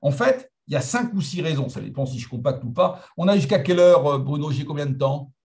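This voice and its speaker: A middle-aged man from France giving a lively, conversational lecture to historians, with humorous asides. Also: fairly high pitch, a little fast. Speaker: guest speaker.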